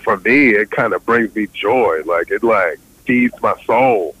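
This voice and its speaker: A man, a stand-up comedian guest, joking with deadpan delivery and lots of fillers. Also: on the low side, a little slow, husky, dry recording, poor audio. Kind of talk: joking interview banter.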